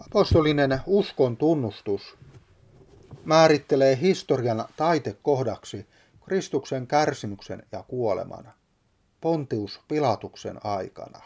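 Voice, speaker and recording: Guy reading the bible then preaching, mellow dark voice, slow solemn delivery, punches up the quotes. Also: medium pitch, expressive.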